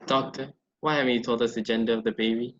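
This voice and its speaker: A man's voice: mid-range voice, fairly even intonation, fast talker, natural voice. A man playing a worried new mother who anxiously questions a doctor in a counselling role-play, recorded dull and muffled.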